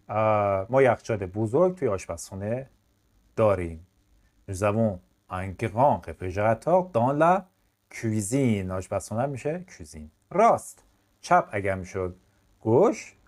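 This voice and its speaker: A man teaching a French vocabulary lesson whose first language is Persian. His pitch moves a lot as he talks to his students. He says French words and sentences slowly and repeats them. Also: a little mellow.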